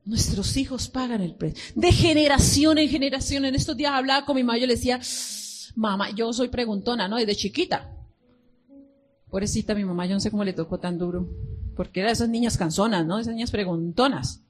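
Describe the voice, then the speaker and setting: A middle-aged woman pastor with a Colombian accent preaching a sermon, telling stories and acting out dialogue with lively emphasis. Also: on the high side, fairly quick, soft background music. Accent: Colombian Spanish. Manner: animated storytelling, quoting dialogue with rising emphasis.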